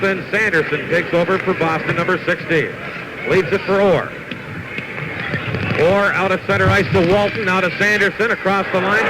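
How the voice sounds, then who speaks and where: A man with a high voice calls the hockey action in a quick, even stream, naming each pass and player. The sound is an old 1970s broadcast taped off a TV speaker, with loud hiss and rumble underneath. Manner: brisk, steady calling of each pass and player. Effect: re-recorded off a TV speaker. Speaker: play-by-play hockey commentator. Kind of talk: live play-by-play commentary.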